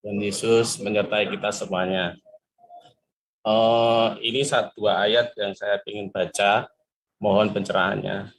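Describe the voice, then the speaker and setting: A man's voice: fairly low pitch, flat delivery, a little slow, a little hiss or hum, rough recording. Polite man asking a Bible question. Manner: polite, deferential, reads verses aloud.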